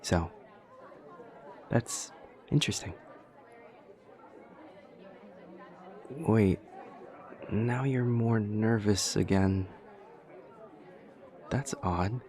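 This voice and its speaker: Voicing a clumsy, earnest demon college student with a literal mind, a man with a lowish voice acts out an intimate audio roleplay. He talks in a rigid, meticulous deadpan with uncertain pauses, sounding curious and analytical, while a faint crowd can be heard.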